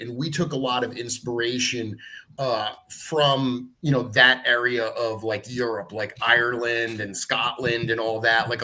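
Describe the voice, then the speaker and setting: A man's voice: medium pitch, pushed and bright, low-quality recording. A middle-aged man explaining the lore he wrote, in casual, rambling live panel chat full of fillers. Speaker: creator of the dragon lore, show guest.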